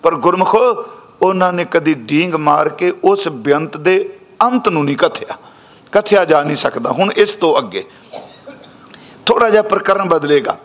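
Male preacher, high voice, methodical scripture commentary. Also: a bit bright. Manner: explains word by word, slowing on verses.

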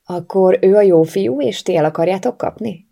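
A woman reading the lines of a young heroine in an audiobook, speaking in a soft, earnest way. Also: mid-range voice, gravelly. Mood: curious. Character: young woman, heartbroken but caring heroine.

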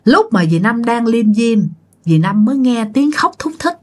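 A woman tells a ghost story in a chatty manner, addressing her listeners directly. Her voice sits a little high and swings with lively, animated pitch. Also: moderate pace.

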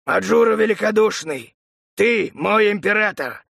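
Brief: man voices a composed, defiant male bandit leader, steady and firm, with some grit in the voice. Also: sits high, normal speed, vocal fry, dry recording, studio quality, heavily acted. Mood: calm. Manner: calm and steady.

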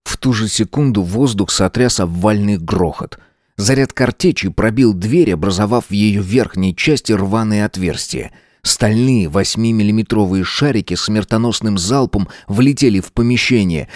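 A man narrating an audiobook thriller in a measured, tense storytelling manner. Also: fairly low pitch, darkish tone, no echo, studio quality.

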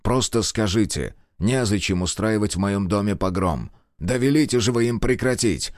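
A man's voice: fairly low pitch, normal speed, no echo, studio quality, natural voice. A man voicing an oily, nervous middle-aged smuggler boss who wheedles and pleads in an audiobook. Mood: pleading. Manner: wheedling, pleading, then sour.

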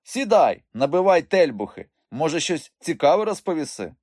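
Man doing a mocking old mountain uncle in a storybook reading, lively voice, dry sound. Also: fairly high pitch, moderate pace, no echo, voice pushed up. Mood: teasing. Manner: teasing, scolding.

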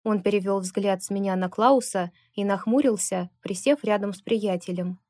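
A woman's voice: moderate pace, dry recording, clean studio sound. A woman narrating a first-person novel as an audiobook, giving the characters their own voices. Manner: voices characters with raised pitch and loudness.

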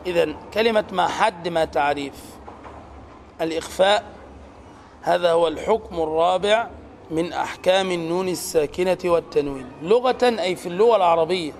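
A man with a high voice teaches the rules of Quran recitation. He explains step by step and stretches out words to demonstrate each sound. A faint hiss runs under the recording. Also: fairly quick. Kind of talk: tajweed lesson.

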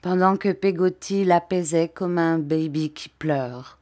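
A woman reads aloud from a classic novel for an audiobook, her fairly low voice keeping a steady, measured storytelling pace.

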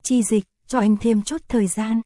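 Woman reading devoted young man, calm, gentle, fairly high voice, audiobook story. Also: normal speed, dry recording, lightly acted.

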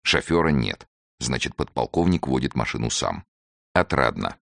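A man narrates a detective audiobook in a measured, even manner. His voice is extremely low and carries a gravelly fry. The recording is close and dry. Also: no echo.

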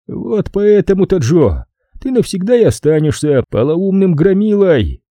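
A man reading an audiobook, voicing a cold, domineering male casino boss who speaks calmly and curtly. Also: high-pitched, moderate pace, husky, no echo, pitched above the performer's own voice, exaggerated voice. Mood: menacing. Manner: calm, menacing and curt.

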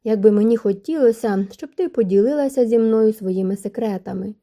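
Brief: woman voicing a passionate young gentleman, pressing, mellow and dark, storybook. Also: a little high, fairly quick, close to an everyday voice. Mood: tender.

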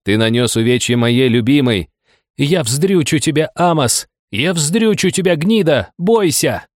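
A man voicing a furious young woman thug with a bat, shouting threats in an audiobook. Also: medium pitch, flat delivery, normal speed, clean tone, dry recording, clean studio sound, natural voice.

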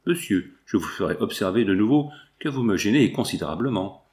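A man voicing an impatient, irritable gentleman with a gun, giving curt, exasperated replies. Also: fairly low pitch, expressive, a little fast, close to an everyday voice.

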